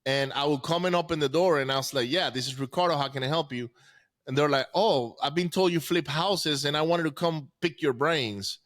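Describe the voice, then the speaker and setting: A man in his forties who grew up in Venezuela, a podcast guest telling his life story in a casual, halting way, with many restarts and repeated words. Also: on the high side, a bit bright.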